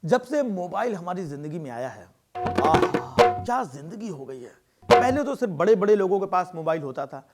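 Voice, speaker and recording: A man telling jokes on stage in a lively, animated way. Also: sits high, gravelly. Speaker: stand-up comedian. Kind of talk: stand-up joke telling.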